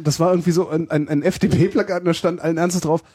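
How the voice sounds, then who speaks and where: A man co-hosting a casual podcast chat, playful and quick with jokes. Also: on the high side, steady tone, warm tone, slightly rough, dry recording, clean studio sound. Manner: playful and joking, quick quips. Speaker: podcast co-host.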